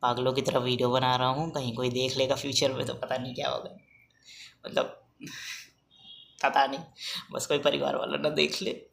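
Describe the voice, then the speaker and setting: A young man vlogging in a casual, rambling way, talking softly and hesitantly with many fillers. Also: medium pitch, level tone, moderate pace, creaky, long pauses. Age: young adult. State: speaking softly, kept quiet. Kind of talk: casual rambling vlog talk. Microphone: phone front camera. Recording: echoey room, faint background noise.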